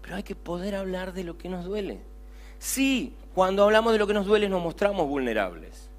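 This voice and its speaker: A middle-aged man with an Argentine accent preaching a sermon as pastor, swinging between loud emphatic lines and hushed, quiet asides. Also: high-pitched, expressive, fairly quick.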